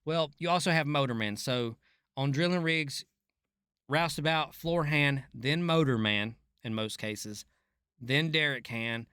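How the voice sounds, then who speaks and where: A man's voice: medium pitch, measured pace, pushed and bright, clean tone, no echo, studio quality. A middle-aged man giving casual, unscripted commentary as a former rig worker, in a folksy, slangy and profane way. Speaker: reaction video host, former oil rig worker.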